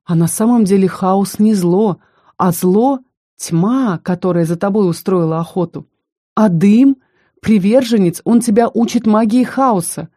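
A woman reading a stern, sensible young male student who sums things up in a measured way, in an audiobook. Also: mid-range voice, warm tone, dry recording, clean studio sound, lightly acted.

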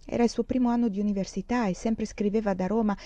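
A woman reading a novel aloud in a measured, expressive narration, close to the mic. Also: mid-range voice, dry recording. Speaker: audiobook reader.

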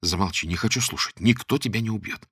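A man's voice: lowish voice, fast talker, breathy edge, dry recording, clean studio sound, heavily acted. A man voicing a determined young woman who speaks sharply and commandingly. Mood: stern. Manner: sharp, commanding, shouting for help.

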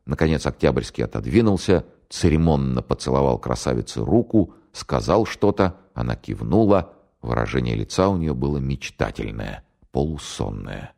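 Very deep-voiced male narrator. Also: animated, normal speed, vocal fry, mellow. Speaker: audiobook narrator. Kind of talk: scripted novel narration.

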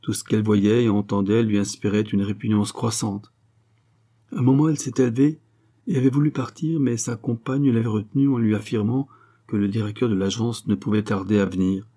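A man narrating a classic novel in a measured, literary reading. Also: lowish voice, fairly even intonation, dark tone. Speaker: audiobook narrator. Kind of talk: scripted narration.

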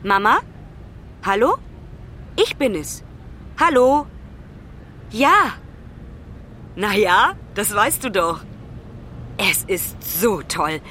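A woman's voice: mid-range voice, big pitch swings, very slow, pauses often, bright, forceful tone, a little hiss or hum, full character voice. An actress playing a lonely young woman who calls her mother from abroad, talking urgently and pleadingly. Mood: delighted. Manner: urgent, pleading phone talk. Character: lonely young woman traveller, anxious and affectionate. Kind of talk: radio play acting.

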